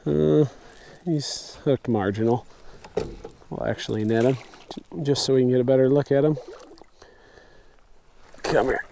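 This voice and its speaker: A young man vlogging while fishing from a river sandbar at night, talking to himself in a relaxed, wry way, recorded outdoors on a camera mic. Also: mid-range voice, a little slow, gravelly, long pauses, a little hiss or hum. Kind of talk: casual outdoor vlog narration. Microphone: camera-mounted mic, sometimes off-axis.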